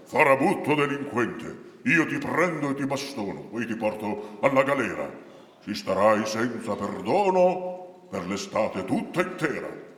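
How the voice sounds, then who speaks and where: A man's voice: medium pitch, sing-song, a little slow, fairly bright tone, voice pushed up. A man voicing a stern town guard who scolds and threatens. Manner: barking, scolding. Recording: echoey hall, distant mic.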